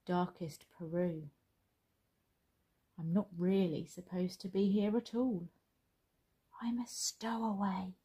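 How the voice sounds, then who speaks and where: Lady doing a little bear for a kids story, super polite n earnest, slow, soft dark tone. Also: on the low side, steady tone, slightly rough. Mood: polite, careful. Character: small polite bear, earnest young stowaway. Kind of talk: children's storybook read aloud.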